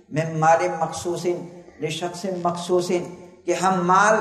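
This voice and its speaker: A man's voice: on the high side, darkish tone. A man giving a methodical religious lecture, listing conditions one by one and quoting Arabic terms. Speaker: Islamic preacher. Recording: echoey hall, voice from far off.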